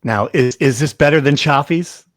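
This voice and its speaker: A man's voice: fairly high pitch, moderate pace, no room sound, clean studio sound. A man hosting a sports podcast, asking loose questions and joking with his guest. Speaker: podcast host. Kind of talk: casual podcast chat.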